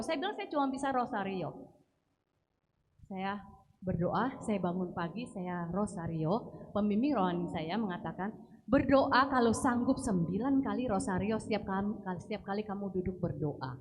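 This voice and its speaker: A woman telling a personal faith testimony, earnest and storytelling, moving between soft and lively passages. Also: on the high side, slight background noise. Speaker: testimony speaker at prayer meeting.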